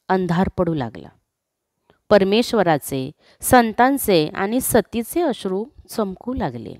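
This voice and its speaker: A woman narrating a classic story in a slow, expressive reading. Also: mid-range voice, no room sound, clean studio sound.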